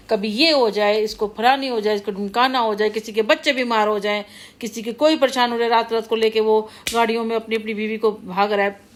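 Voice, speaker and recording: A middle-aged woman talking casually to her viewers, rambling and repeating her warnings in a scolding way. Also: medium pitch. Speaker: vlogger. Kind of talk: casual monologue to camera.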